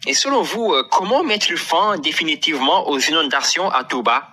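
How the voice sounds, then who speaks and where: Very bright-voiced radio host. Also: male voice, fairly high pitch, lively intonation, moderate pace. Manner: reads a report, then asks short questions. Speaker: radio interviewer. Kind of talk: news report and interview questions.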